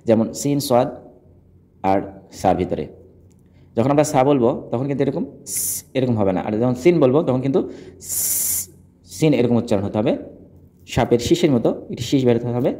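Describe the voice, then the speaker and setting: Man, teacher, mellow voice, instructive, demonstrates sounds aloud. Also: mid-range voice. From Bangladesh. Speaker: Quran recitation teacher. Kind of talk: explaining letter pronunciation.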